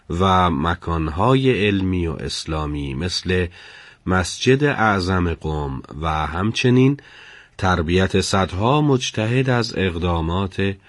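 A man reading a scripted story aloud in a measured, solemn storytelling manner. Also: sits low, no echo. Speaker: narrator. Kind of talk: scripted narration.

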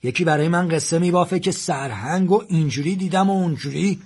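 A man voicing a menacing armed man who shouts and sneers threats, husky-voiced. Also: medium pitch, close to an everyday voice. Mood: angry shouting.

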